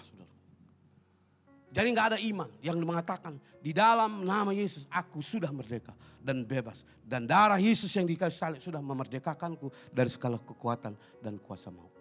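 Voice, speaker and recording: A man preaching a sermon as pastor, swinging between loud declarations and hushed asides. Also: fairly high pitch. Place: church sanctuary.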